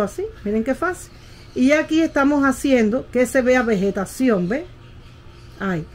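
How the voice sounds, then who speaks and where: Woman teaching landscape painting. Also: a little high. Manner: patient, keeps asking "¿ve?" while demonstrating. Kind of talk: casual painting tutorial.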